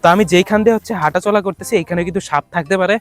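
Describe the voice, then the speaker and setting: Speaking very fast in a high-pitched voice, a young YouTuber chats casually with viewers out in open ground. He talks a lot, stumbles through fillers and restarts, and calls out to a teammate some distance away.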